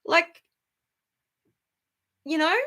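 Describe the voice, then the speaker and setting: A woman's voice: drawn-out words, pushed and bright. Blunt, rambling woman livestreaming. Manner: rambling, blunt, swears freely. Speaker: livestreamer reading chat. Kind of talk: candid livestream chat.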